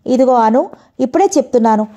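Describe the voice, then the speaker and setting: A woman's voice: fairly high pitch, quick pace, dark tone, dull audio, lightly acted. A woman voicing a worried middle-aged mother who warns her daughter in a spoken story. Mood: anxious, stern. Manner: pleading, warning.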